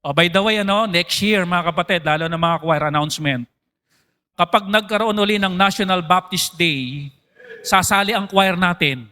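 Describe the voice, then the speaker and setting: A Filipino man delivers a sermon to his congregation in a high, bright voice. He moves between Tagalog and English, often asking the listeners whether they follow. His pitch jumps sharply whenever he stresses a point. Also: moderate pace. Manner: mixes Tagalog and English, asks the congregation questions; animated, jumps in pitch for emphasis. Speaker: pastor.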